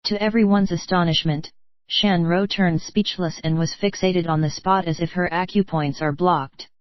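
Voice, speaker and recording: Low, flat synthetic woman narrator. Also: normal speed, no room sound, dull audio. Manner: flat, even, synthetic reading with odd slips. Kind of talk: text-to-speech novel narration.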